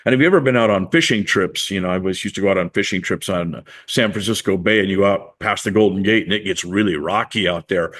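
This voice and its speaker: A man's voice: sits low, quick pace, hardly any pauses, fairly bright tone. A man preaching a sermon in a conversational, storytelling way, acting out the people he quotes. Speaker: pastor.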